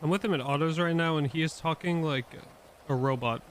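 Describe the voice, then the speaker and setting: A man streaming game role-play, firing off rapid, incredulous questions. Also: on the high side, slight background noise.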